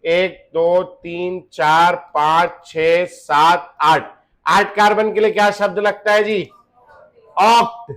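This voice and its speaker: A man's voice: high voice, fairly even intonation, slow pace, fairly bright tone. A man teaching chemistry to a class. He keeps asking the students questions and answers them himself, jokes with them and slips in English phrases. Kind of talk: classroom lecture.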